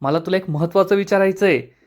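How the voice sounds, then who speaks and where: A man's voice: sits high, fast talker, natural voice. A man voicing a scheming young sister-in-law. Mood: plotting.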